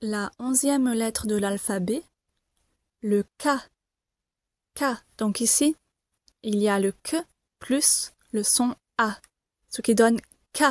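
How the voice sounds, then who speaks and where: A woman gives a beginner pronunciation lesson, speaking very slowly and carefully and repeating each letter. Her voice sits a little high, and the recording is dry and close. She sounds patient and reassuring. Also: darkish tone, no echo. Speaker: French teacher.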